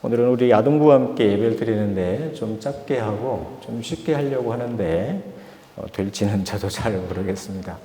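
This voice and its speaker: A man's voice: mid-range voice, warm tone. Joking male pastor in an echoey hall. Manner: joking, anecdotal storytelling. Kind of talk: sermon. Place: church sanctuary. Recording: echoey church hall with long reverb.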